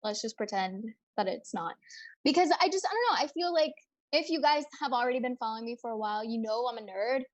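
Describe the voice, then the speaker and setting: Bubbly high-voiced young woman streamer. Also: lively intonation, quick pace, lo-fi sound. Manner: chatty, bubbly, reads out viewer comments. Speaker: livestream host. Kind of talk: casual livestream chat.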